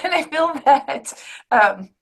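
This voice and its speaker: A woman's voice: high voice, lively intonation, takes it slowly. Reflective woman podcast host. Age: 30s or 40s. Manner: reflective, loose, sprinkles fillers and mild swearing. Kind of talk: casual interview chat.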